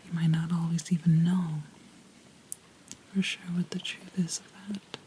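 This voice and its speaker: A woman gives a whispered ASMR pep talk, close to the mic. Her delivery is very slow and even, with pauses mid-sentence. The soft whisper is dark and gentle, meant to reassure. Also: lowish voice, slight background noise. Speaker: ASMR host. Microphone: close-up microphone.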